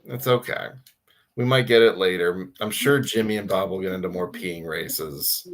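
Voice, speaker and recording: Low-voiced man chatting on a podcast. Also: fairly even intonation, normal speed. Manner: chatty, lots of "like" fillers. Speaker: podcast co-host. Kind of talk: casual fan podcast chat.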